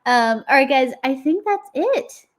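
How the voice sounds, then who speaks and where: Unhurried and expressive, a woman with a high voice co-hosts a live product demo, keeping the stream chat casual and cheerful with plenty of fillers. A cold has left her voice sounding slightly worn.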